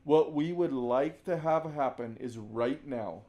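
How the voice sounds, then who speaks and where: A man breaking down basketball game film as a coach, talking conversationally, often restarting sentences and now and then shouting out example calls. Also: medium pitch, a little slow.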